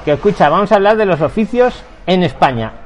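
A man hosts a casual live chat. His voice is a bit high, and he greets viewers slowly and deliberately, teasing his co-host now and then. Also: very animated. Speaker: channel host.

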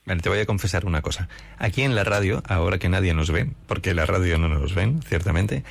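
A man's voice: deep voice, a little fast, creaky, husky. A man hosting a radio interview, conversational and asking his guest's opinion. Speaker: radio host.

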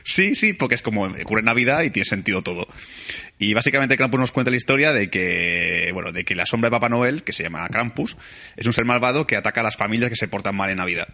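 A man with a Spain Spanish accent chatting casually about a film as a podcast co-host, animated and swearing freely. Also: on the low side, fast talker, vocal fry. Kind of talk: casual film review chat.

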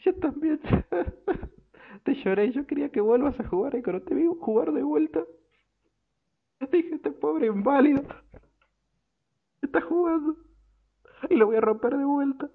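A man voicing a drunk, weepy, sentimental young man who gushes in a shrill, slurring way. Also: animated, measured pace, long pauses, full character voice. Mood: tearful gushing. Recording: tinny phone-like line.

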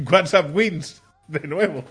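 A man's voice: on the high side, drawn-out words, slightly rough. A man from Catalonia, telling a story in casual chat and acting out the dialogue with many asides. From Catalonia, Spain. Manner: animated anecdote-teller, acts out dialogue, laughs often, many filler "¿vale?".

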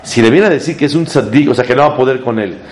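Teaching Torah to a live audience, a rabbi speaks fast and emphatically, sweeping his pitch upward to drive home each point. Hebrew terms are woven throughout his talk.

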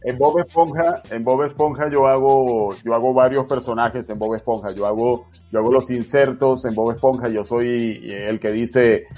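A Venezuelan man talks about his work in a loose, repetitive, storytelling way. His pitch sits in the middle of the male range. Quiet music plays faintly behind him. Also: steady tone, moderate pace, hardly any pauses, lo-fi sound. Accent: Venezuelan Spanish. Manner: repeats phrases, easygoing storyteller. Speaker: guest voice actor. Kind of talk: relaxed conversational interview.

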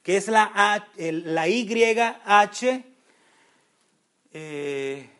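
Man, very high voice, Bible class teacher, rhetorical questions, frequent restarts. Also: takes it slowly. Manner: asks questions then answers them; restarts words often, animated.

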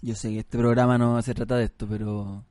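A man's voice: medium pitch, little pitch movement, fairly quick, dark tone, dry recording. A young man with a Chilean accent co-hosting a casual podcast, joking and teasing in slangy banter. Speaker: podcast co-host.

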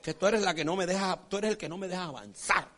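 High-voiced animated male preacher. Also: quick pace. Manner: animated, folksy, acts out characters; repeats rhetorical check-ins with the congregation. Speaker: pastor. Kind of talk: sermon.

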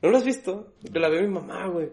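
A man with a Mexican accent co-hosting a podcast, trading quick jokes in casual chat. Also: high voice, animated, darkish tone, soft background music. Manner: quick joking banter. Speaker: podcast co-host.

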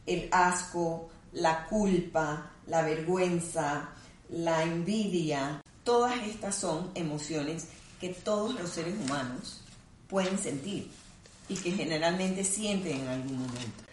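A woman clinical psychologist explaining things in a calm, measured, teacherly way. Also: on the low side. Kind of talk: explanatory conversation. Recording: roomy sound from a distant mic.

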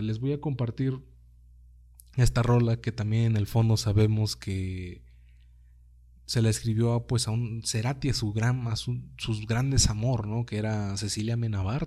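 A man's voice: on the low side, mellow. Laid-back Mexican guy on a podcast. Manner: slangy, swears freely, says "güey" constantly. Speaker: podcast host. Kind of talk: casual solo podcast monologue.

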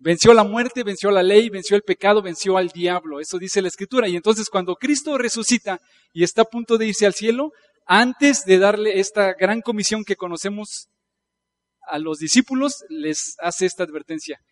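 Pastor, male, high-pitched, conversational sermon with rising emphatic bursts. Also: normal speed.

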